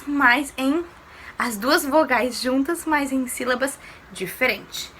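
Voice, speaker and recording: A woman's voice: sits high, pushed and bright, slight background noise. A woman teacher giving a recorded lesson to primary pupils, explaining patiently step by step and asking them questions.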